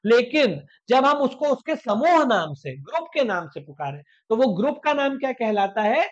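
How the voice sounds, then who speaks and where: A teacher giving an online exam-prep grammar lecture. They ask rhetorical questions and answer them, repeat each point step by step, and slow down to stress English definitions. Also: medium pitch, sing-song, dull audio.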